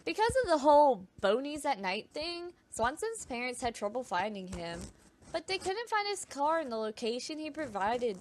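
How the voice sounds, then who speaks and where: A woman narrates scripted creepy true stories for a video in a casual way, her voice fairly high-pitched. She trips over words now and then and adds self-conscious asides. There's a bit of hiss or hum in the recording.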